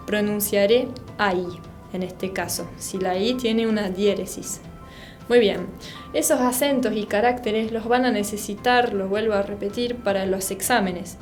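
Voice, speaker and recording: Slow, patient woman teaching French. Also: medium pitch, a little mellow. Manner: slow, patient, spells out each letter. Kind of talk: recorded language lesson.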